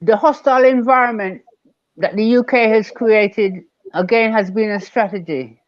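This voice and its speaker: An older man from Barbados, speaking as a guest elder in an online panel discussion, measured and emphatic, repeating key words. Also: high voice, no echo, dull audio.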